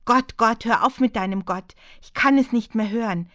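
A woman's voice: medium pitch, moderate pace, dry recording, studio quality, close to an everyday voice. A woman voicing an embittered young mother in a storybook reading, speaking bitterly and sharply. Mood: furious.

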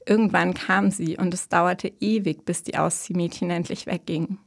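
A woman reading a story as a calm, measured audiobook narrator. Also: on the low side, creaky. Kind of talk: scripted narration.

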